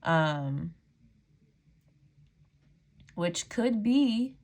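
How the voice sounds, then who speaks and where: A woman's voice: on the low side, animated, very slow, darkish tone. A woman giving a casual tarot reading straight to her viewers, chatty and loose, full of "like" and "um". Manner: chatty, frequent "like" and "um", laughs easily. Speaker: tarot reader.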